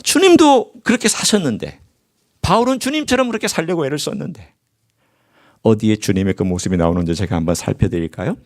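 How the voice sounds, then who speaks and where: Inside a church sanctuary, a male pastor preaches a sermon, reading scripture aloud in formal biblical language and putting rhetorical questions to his congregation. His medium-pitched voice is expressive and fairly quick.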